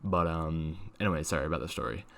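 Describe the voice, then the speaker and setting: A man's voice: rumbling low, fast talker, creaky, fairly bright tone. A young man telling a casual, rambling story in a slangy, sweary way, leaning heavily on "like". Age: young adult. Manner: slangy, sweary, filler-heavy with "like". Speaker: video creator telling a personal story.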